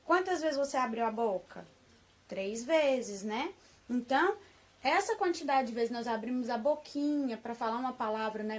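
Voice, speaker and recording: A woman with a Brazilian Portuguese accent teaching young children a remote lesson, affectionate and patient, slowly sounding out words and checking in often. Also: on the high side. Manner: affectionate, slow syllable-by-syllable modeling, frequent "tá bom?". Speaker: primary school teacher.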